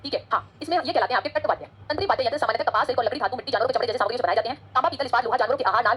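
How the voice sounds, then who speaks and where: A woman's voice: fairly high pitch, a bit bright, husky. A woman teaching an exam-prep lecture, chatty and code-switching between Hindi and English.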